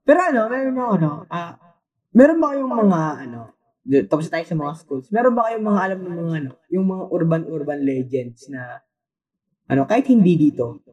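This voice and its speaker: A young man from the Philippines in casual chat, animated and chatty, often trailing off mid-thought. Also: sits high, a little fast. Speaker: podcast co-host. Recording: dull lo-fi echoey sound.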